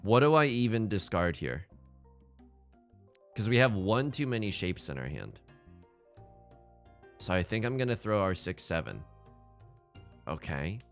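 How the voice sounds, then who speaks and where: A man's voice: on the low side, big pitch swings, a little slow, pauses often, soft background music. A man commentating on his own game live, thinking aloud casually with joking, mock-dramatic asides. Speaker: gaming streamer.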